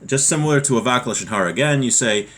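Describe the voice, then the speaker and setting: A man teaches an informal religious lesson, first reading from a text and then explaining it through everyday examples. His voice is mid-range and fairly bright, and he talks fast.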